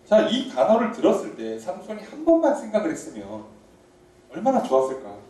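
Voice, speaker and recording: Male pastor, mellow voice, preaching from across an echoey church hall. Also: high-pitched, a little fast, distant mic. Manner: animated, conversational preaching with questions to the congregation. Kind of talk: sermon. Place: church sanctuary.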